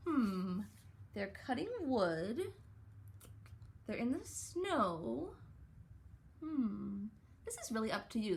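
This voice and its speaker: A young adult woman teaching a writing lesson to young children, gently coaxing and sounding out words slowly. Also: fairly high pitch.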